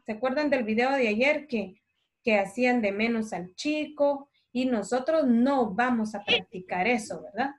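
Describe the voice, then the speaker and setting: Patient woman teaching online. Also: a little high. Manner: patient and affectionate with pupils; dictates spelling slowly and clearly. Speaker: primary school teacher.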